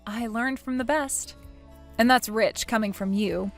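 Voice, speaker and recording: A woman voicing a cool, cutting young woman who mocks in a dry, measured way, in a read-aloud text story. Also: on the high side, soft background music. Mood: sarcastic.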